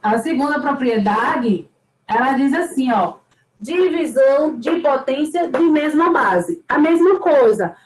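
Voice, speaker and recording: A woman's voice: sits high, expressive, a little slow, a little mellow, echoey room, low-quality recording. A woman teaching a math lesson to students, patiently repeating each key point and stressing it. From Brazil.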